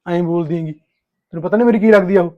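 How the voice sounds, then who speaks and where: A man's voice: fairly high pitch, steady tone, fast, no room sound, natural voice. An actor playing a callous young husband who brushes off his first wife and sweet-talks his new one. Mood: angry. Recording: dry, tinny phone-like sound.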